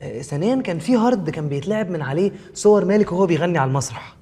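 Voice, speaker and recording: An actor playing an anxious young husband in a TV comedy, speaking with an Egyptian Arabic accent in a flustered, exasperated way. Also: male voice, sits high, lively intonation, rapid-fire, warm tone, breathy edge. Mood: awkwardly polite. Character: frazzled young husband, anxious and quick to panic. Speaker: software engineer husband. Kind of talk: TV comedy series acting.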